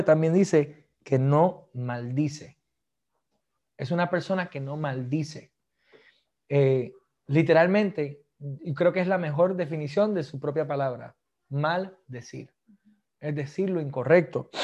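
Man preaching with a lively bilingual delivery. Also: a little high, lo-fi sound. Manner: switches between Spanish and English, jokes with the congregation. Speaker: pastor. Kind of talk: bilingual sermon.

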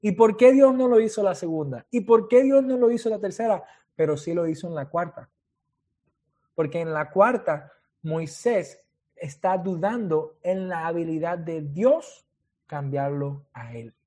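A man's voice: high voice, warm tone. A man preaching a sermon as pastor, switching between Spanish and English and acting out dialogue between God and Moses.

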